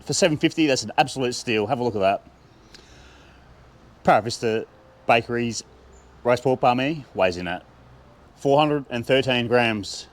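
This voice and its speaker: A man's voice: medium pitch, moderate pace, long pauses. A man with an Australian accent, chatting with enthusiasm as he reviews food and laughing often. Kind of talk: casual food review vlog.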